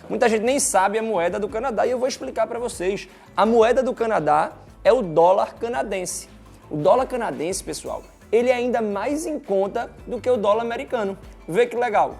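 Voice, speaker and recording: A man with a Recife accent, presenting an informal explainer for an exchange agency and talking straight to his viewers with lively emphasis. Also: sits high, vocal fry. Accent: Recife, Brazilian Portuguese.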